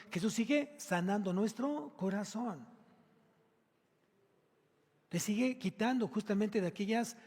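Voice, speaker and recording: A man's voice: high-pitched, breathy edge, long reverb tail. A male pastor with a Mexican Spanish accent preaching an emphatic sermon, questioning his congregation directly. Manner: emphatic preaching, rising to loud exclamations. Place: church sanctuary.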